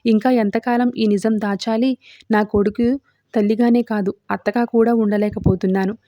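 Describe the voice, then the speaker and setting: A woman's voice: mid-range voice, fairly even intonation, normal speed, warm tone, no room sound, natural voice. A woman voicing an anxious young mother who hides a secret son, read plainly in a serial recap. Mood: distraught. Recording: dull dry lo-fi recording.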